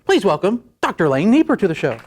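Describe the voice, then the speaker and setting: A man's voice: high-pitched, sing-song, fast, a faint crowd, slight background noise. A young man hosting a comedic late-night talk show, rambling and goofy as he jumps between bits.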